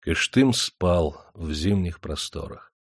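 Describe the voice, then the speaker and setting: Low-voiced male audiobook narrator. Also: lively intonation, slow pace, husky, dry recording, clean studio sound.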